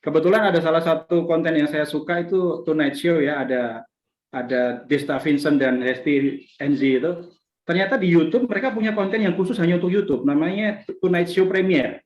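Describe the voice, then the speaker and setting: A man's voice: fairly high pitch, a little fast, darkish tone, reverberant, rough recording. A man moderating a webinar, asking a long question in a conversational way with hesitant fillers, over a video call.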